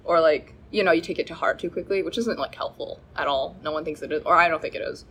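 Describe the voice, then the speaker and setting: A woman's voice: low-pitched, fast talker, fairly bright tone, slight background noise. A young woman guest on a podcast, rambling and self-deprecating in casual chat.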